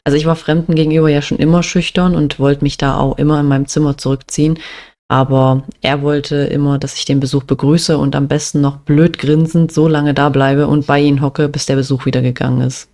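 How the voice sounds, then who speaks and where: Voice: medium pitch, level tone, fairly quick, darkish tone. A young adult from Germany telling a personal story in a plain, matter-of-fact way, with many small fillers. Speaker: vlogger.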